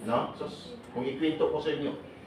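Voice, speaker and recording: Man, seminar speaker, banters with the audience, middle pitch, far from the mic, very echoey hall. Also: fairly even intonation, moderate pace, darkish tone, a little hiss or hum. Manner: banters with the audience, asking questions and laughing. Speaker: seminar speaker for overseas workers. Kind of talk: lively seminar talk to a live audience.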